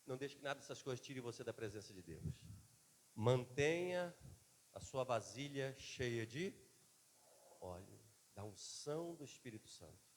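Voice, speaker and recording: A pastor preaching a sermon, a man, swinging between loud and soft delivery in a church. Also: mid-range voice, animated, moderate pace, long pauses, long reverb tail, slight background noise.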